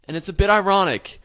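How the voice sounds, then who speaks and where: A young man co-hosting a comedy podcast, hyper and joking, with shouty bursts and laughter. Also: high voice, clear, resonant tone. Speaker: podcast co-host. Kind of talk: casual comedic chat.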